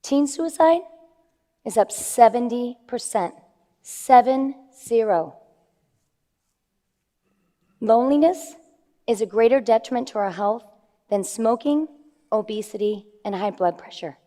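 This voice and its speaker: A woman's voice: on the high side, unhurried, pauses often, mellow. A woman who is a life coach, giving an earnest talk to an audience and stressing figures. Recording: long hall reverb.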